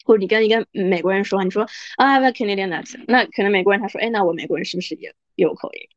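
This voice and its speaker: A woman's voice: medium pitch, racing, dry recording, highs cut off. A young adult woman hosting a podcast, giving frank, chatty advice and acting out what other people say. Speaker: podcast host. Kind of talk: casual advice monologue.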